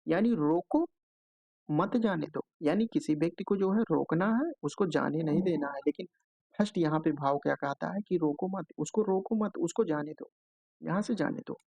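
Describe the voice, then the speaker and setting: Male tutor, gravelly and a bit high, methodical exam-prep lecture, dry close mic. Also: a little fast, mellow, no echo. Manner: explanatory, repeats filler "jo hai" often; checks in with "theek hai" between points. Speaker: teacher.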